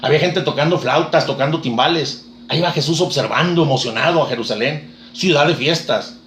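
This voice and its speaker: A man's voice: fairly high pitch, brisk, fairly bright tone, reverberant, slight background noise. A man preaching a sermon, retelling scripture in a fervent storytelling manner.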